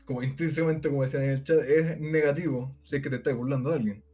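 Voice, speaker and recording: A man's voice: mid-range voice, steady tone, racing, mellow, breathy edge, highs cut off. A Chilean man with a Chilean Spanish accent debating in casual chat, rambling with many fillers and restarts.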